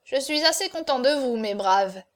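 A woman's voice: high-pitched, animated, moderate pace, fairly bright tone. A woman voicing a small hunchbacked man who gives orders in a curt, stubborn tone. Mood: commanding.

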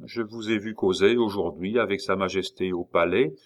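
A man's voice: low voice, lightly acted. A man doing a fussy, fawning gate officer. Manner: apologetic, fussy, hurried. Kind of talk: audiobook character reading.

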